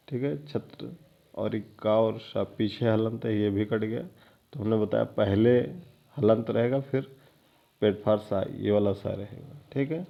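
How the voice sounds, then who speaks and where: A man's voice: fairly low pitch, vocal fry. A male teacher going through exam questions, repeating each answer word several times and checking in with a rising "ठीक है" after each point. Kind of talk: exam-prep lecture. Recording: dull lo-fi lecture recording.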